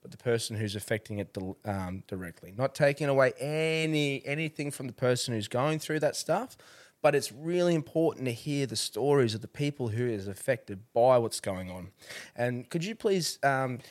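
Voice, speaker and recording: A man's voice: mid-range voice, animated, moderate pace. An Australian man hosting a podcast in a casual, sincere way, with a laconic outback drawl. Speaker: podcast host. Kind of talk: casual, sincere interview chat.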